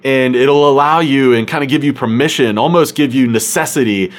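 A man's voice: mid-range voice, brisk. A man hosting a show for accountants, talking casually and earnestly to his listeners in a reflective, motivational way. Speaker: host of a podcast for accountants. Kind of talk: casual talk to the audience.

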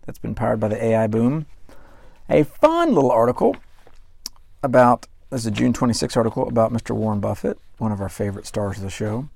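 Gravelly-voiced man hosting a finance show. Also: medium pitch, big pitch swings, brisk, darkish tone, no echo. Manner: conversational, reads quotes aloud and talks straight to the listener. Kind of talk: podcast commentary on news articles.

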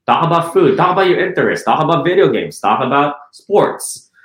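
A man's voice: fairly high pitch, very animated, brisk, a bit bright, roomy sound, poor audio. A man from the Philippines, a real estate team leader, talks casually in an interview, often checking with "right?" and restarting his sentences. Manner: repeats words and restarts, asks "right?" often.

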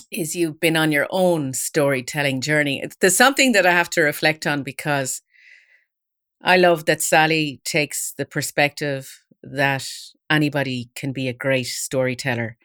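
Low-voiced woman hosting a podcast. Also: a bit bright. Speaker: podcast host. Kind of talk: podcast introduction and conversational interviewing.

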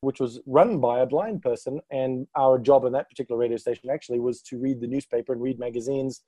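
Mellow-voiced man telling his career story. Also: medium pitch, fast, husky, no room sound. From Malaysia. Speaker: guest speaker. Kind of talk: interview conversation.

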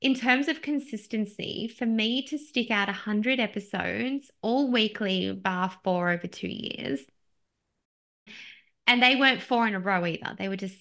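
Bright gravelly-voiced woman, candid and laughing. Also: medium pitch, a little slow. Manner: candid, laughs often, self-deprecating. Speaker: podcast host as guest. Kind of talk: conversational interview.

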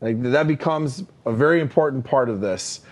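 A man with a mid-range voice, speaking at normal speed, co-hosts a casual leadership podcast as a leadership coach. He talks emphatically, sprinkling in lots of fillers and "right?" tags.

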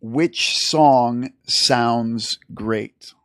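Male interview host, mid-pitched with a gritty fry, upbeat and affirming, dry close sound. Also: drawn-out words, a bit bright, no room sound. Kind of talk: quick-fire interview questions.

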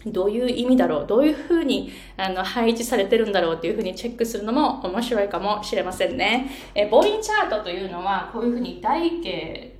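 A woman pronunciation coach explaining a chart in a patient, lively way, with many fillers and English phrases dropped into her talk. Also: mid-range voice, fast. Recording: echoey room, faint background noise.

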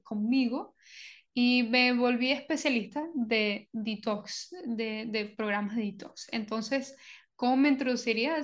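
A woman from Venezuela, a guest on a casual podcast, talking in a halting way with many pauses and restarts. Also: on the high side. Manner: hesitant, many fillers and restarts. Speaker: guest, doctor of Chinese medicine.

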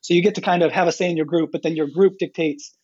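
A man's voice: fairly high pitch, steady tone, fast, darkish tone, breathy edge, no echo, dull audio. A middle-aged American man answering in an interview, telling stories informally and acting out bits of dialogue. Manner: informal, anecdotal, quotes dialogue. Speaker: guest, pastor. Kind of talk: conversational interview answers, storytelling.

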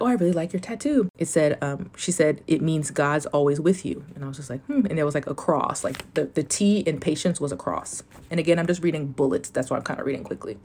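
A low-voiced woman with an American accent chats casually, as if to followers. She moves between reading notes aloud and rambling, candid asides, informal and unafraid to swear. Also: a little mellow. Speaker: host telling of a spiritual awakening. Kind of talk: casual solo chat, reading journal entries aloud.

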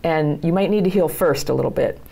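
A middle-aged woman with a low voice, talking straight to her viewers about their lives. Her tone is dark and mellow, with a gravelly edge. She speaks as a coach, earnest and plain-spoken. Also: fairly quick. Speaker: channel host and coach. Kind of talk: direct-to-camera advice talk.

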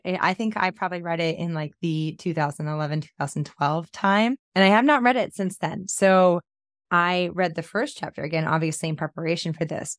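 In a clean studio recording with no room sound, a woman in her thirties who works as a book coach hosts her podcast intro and casual chat. Her fairly low voice is upbeat and enthusiastic, if slightly scratchy from a cold.

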